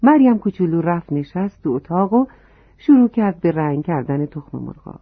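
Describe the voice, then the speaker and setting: A narrator reads a storybook tale to children, speaking warmly and directly to them. Her medium-pitched voice is sing-song with a breathy edge, and the recording is dry and tinny, like a phone, with no echo.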